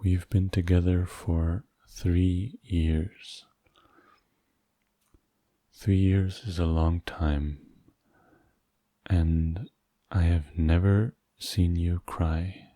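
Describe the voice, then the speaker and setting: A man playing a tender, hurt, devoted boyfriend in an ASMR role-play, speaking in a soft, intimate, halting murmur to comfort a partner. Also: low voice, fairly even intonation, no echo. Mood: gentle, earnest. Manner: slow, halting, gentle, intimate.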